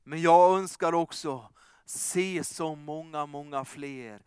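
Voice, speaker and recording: Fervent preaching man, high, smooth voice. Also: no room sound, clean studio sound. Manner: fervent, swings from loud calls to soft hushed asides. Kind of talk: sermon.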